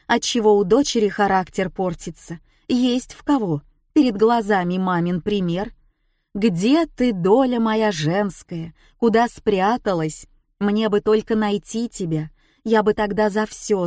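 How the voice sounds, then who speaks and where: A bitter middle-aged mother of a storybook complains in heated, exclaiming bursts, played by a woman narrator. Her voice sits a little higher than the narration. The recording is close and dry. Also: measured pace, a little mellow, no room sound, natural voice. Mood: angry. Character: embittered middle-aged mother, quick-tempered.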